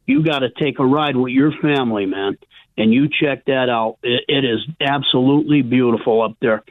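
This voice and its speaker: Older guy calling into a radio show, phone line sound, mid pitch, talks emphatic and chummy. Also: normal speed, dry recording. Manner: chatty, emphatic, calls host "bro". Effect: phone-line caller audio.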